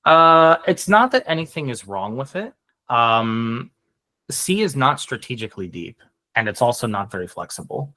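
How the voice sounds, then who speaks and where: A man's voice: mid-range voice, sing-song, normal speed, pushed and bright. A man explaining things in casual conversation like a teacher, hesitantly thinking aloud.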